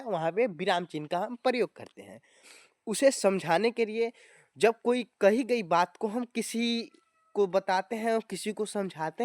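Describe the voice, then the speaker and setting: Lively-voiced male teacher explaining grammar. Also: sits high, no echo, clean studio sound. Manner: explanatory, often calling viewers "friends" and adding tag words. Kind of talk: grammar lesson for exam students.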